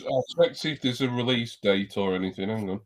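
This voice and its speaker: A man with a fairly low voice chatting casually on a livestream call. He meanders from one thought to the next and works things out aloud as he goes. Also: fairly quick.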